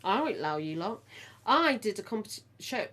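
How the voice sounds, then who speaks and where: A middle-aged woman with an English Midlands accent co-hosts a podcast, chatting casually about family and telling stories with frequent laughter. Her medium-pitched voice is sing-song, bright, and forceful, and she speaks fairly quickly.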